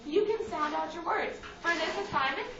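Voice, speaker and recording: A woman's voice: very high-pitched, normal speed, vocal fry. A woman teacher using a kindergarten teacher voice, instructing young children with simple, repeated, directive phrases. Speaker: early elementary school teacher. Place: classroom with children, indoors. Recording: dull, roomy, distant classroom recording with children.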